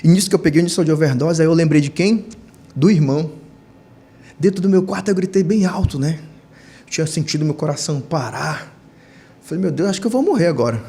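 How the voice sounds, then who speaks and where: On a church podcast, a Brazilian-accented man in his thirties, a deacon, shares his testimony briskly and with frequent pauses. Telling it as a story, he climbs to a high, lively pitch when quoting his own past words.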